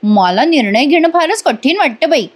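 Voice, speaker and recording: A sarcastic young woman with a high, bright voice, stretching her words to mock and needle, as a woman reviewer puts her on. She drawls her jabs slowly and teasingly, pitched above the narrator's own voice. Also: expressive. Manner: mocking, drawn-out teasing.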